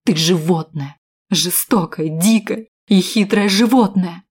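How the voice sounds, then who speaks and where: A woman voicing a furious, battered woman who shouts curses through clenched teeth. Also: fairly low pitch, unhurried, slightly rough.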